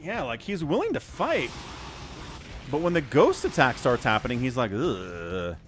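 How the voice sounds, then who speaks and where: A man's voice: a little high, huge pitch swings, normal speed, a bit bright, faint music behind. A man giving casual, wry livestream commentary on a strategy game, with chatty asides.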